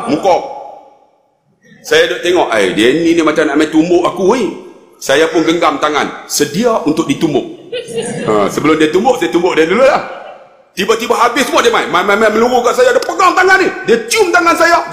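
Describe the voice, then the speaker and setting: A male preacher telling a sermon story, animated, acting out voices and bursting into shouts. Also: high voice, fairly quick. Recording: echoey hall, faint music.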